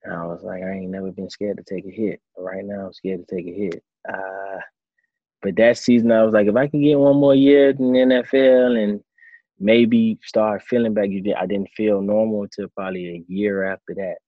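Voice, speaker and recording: A man in his thirties, a former quarterback turned coach, answering interview questions in a relaxed storytelling way. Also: lowish voice, normal speed, dry recording, phone-quality sound. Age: 30s. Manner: relaxed storytelling, acts out his own past thoughts.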